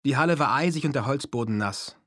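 A man's voice: mid-range voice, expressive, fast, fairly bright tone, no room sound. A man reading a first-person story as an audiobook, with a dry, self-mocking manner. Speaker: narrator. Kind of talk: audiobook narration.

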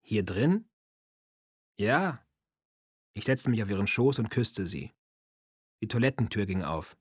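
A man narrating a memoir as an audiobook in a calm, even storytelling manner. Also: fairly low pitch, moderate pace, husky, dry recording, clean studio sound.

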